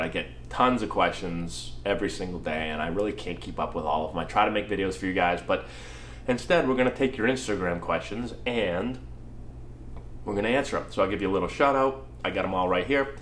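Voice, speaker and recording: His voice is low, a bit bright, and fairly quick, with a stuffy cold; he's a man in his thirties coaching baseball. In a casual talking-head Q&A, he answers viewer questions and punctuates points with "right?". Filmed head-and-shoulders by a camera in front in a small, plain-walled room, the audio is echoey with a little hiss or hum.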